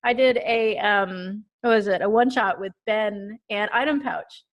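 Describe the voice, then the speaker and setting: A woman's voice: medium pitch, measured pace, lo-fi sound. A woman from Texas hosting a casual podcast chat, chatty and giggly with many fillers. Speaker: podcast host.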